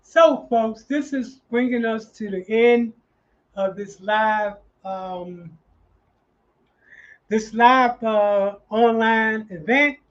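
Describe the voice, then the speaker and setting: Sixties male instructor, slow and halting with lots of fillers, dull lo-fi sound. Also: sits high. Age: 60s. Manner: halting, many fillers and restarts. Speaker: nonprofit class instructor. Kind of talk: live online class wrap-up.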